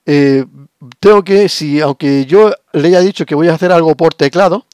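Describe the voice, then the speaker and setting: A man's voice: on the high side, moderate pace, darkish tone, clean tone, no room sound, clean studio sound. Man teaching over screen share. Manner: explanatory, frequent rhetorical checks. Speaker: lecturer. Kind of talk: recorded screen-share lesson.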